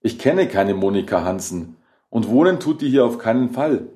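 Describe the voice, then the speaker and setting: A man's voice: mid-range voice, lively intonation, normal speed, warm tone, lightly acted. A man playing a wary older homeowner. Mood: suspicious. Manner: curt, suspicious. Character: wary man in his sixties at his front door.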